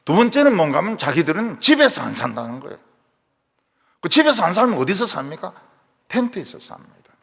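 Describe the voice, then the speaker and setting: Gravelly pastor with a Gyeongsang accent. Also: male voice, sits high, a little fast. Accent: Gyeongsang Korean. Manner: animated storytelling, acting out quoted voices. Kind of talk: sermon. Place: church sanctuary. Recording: reverberant church hall.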